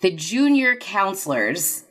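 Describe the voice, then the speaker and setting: A woman's voice: mid-range voice, very animated, takes it slowly. A woman co-hosting a podcast, telling a story in a rambling, casual way with many restarts. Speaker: podcast co-host.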